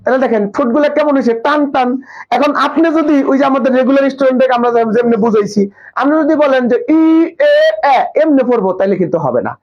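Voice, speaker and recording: Quizzing male tutor with a high voice. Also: racing. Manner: quizzing, drills students with questions and repetition. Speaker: online tutor. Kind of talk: live online class. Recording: dull lo-fi live stream audio.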